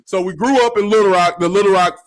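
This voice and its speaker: A man's voice: sits high, fast. A man, hosting a casual podcast, laid-back and laughing often. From Arkansas, USA. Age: 40s. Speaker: podcast host. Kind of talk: casual chat.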